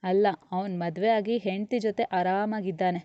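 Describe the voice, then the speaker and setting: A woman reads out a sharp-tongued younger sister in a storybook tale, sarcastic and indignant. Her voice is mellow, set in a dry, slightly dull recording. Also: mid-range voice, steady tone, moderate pace, no echo, lightly acted.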